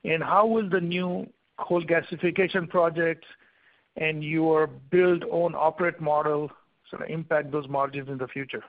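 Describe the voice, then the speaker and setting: A man's voice: a little high, steady tone, moderate pace, no room sound. A male financial analyst asking friendly, methodical questions on an earnings call. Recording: tinny phone line.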